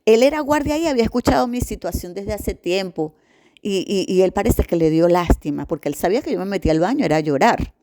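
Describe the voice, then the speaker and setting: A middle-aged woman with a Venezuelan accent tells her personal testimony in a warm, mellow voice. She tells it animatedly and acts out the people in her story. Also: mid-range voice, lively intonation, brisk. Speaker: testimony giver.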